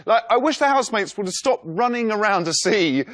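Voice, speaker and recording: A man's voice: high voice, animated, brisk. A young man doing a chatty, jokey stand-up comedy segment as a comedian. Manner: chatty and jokey, seeks crowd approval. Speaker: comedian and impressionist. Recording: loud live studio audience.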